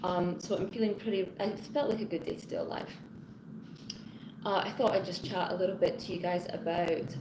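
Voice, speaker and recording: A woman chatting on a live stream, talking into her phone's front camera in an echoey room with a steady hum of background noise. Her pitch sits in the middle range, and she drifts from one thought to the next. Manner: chatty and rambling, greeting chat commenters. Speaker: live-stream host, teacher. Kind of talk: casual live-stream chat with viewers. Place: her home in Hong Kong.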